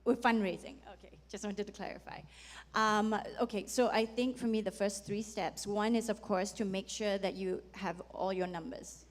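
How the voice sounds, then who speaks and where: A woman's voice: mid-range voice, steady tone, normal speed. A woman who founded a company, talking frankly and conversationally on a panel. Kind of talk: panel discussion. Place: conference hall. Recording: long reverb in a conference hall.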